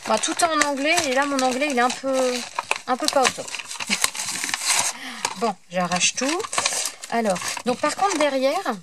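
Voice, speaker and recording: A woman's voice: sits high, animated, normal speed, very noisy. A woman from France chatting casually in a haul video, hesitant and full of fillers as she shows her craft purchases. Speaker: craft vlogger.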